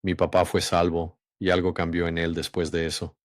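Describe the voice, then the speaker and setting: Man, very low voice, even and monotone, calm religious monologue, dry close sound. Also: no room sound. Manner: calm, measured, with frequent hums and pauses. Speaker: host of a religious channel. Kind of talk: unhurried religious monologue and reading aloud.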